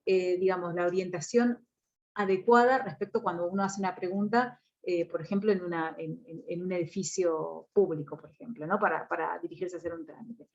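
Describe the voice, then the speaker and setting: A woman's voice: fairly low pitch, steady tone, a little fast, darkish tone. A woman giving a recorded course lecture, explaining step by step with frequent tag questions and hesitant fillers. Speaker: course instructor. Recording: dull lo-fi audio.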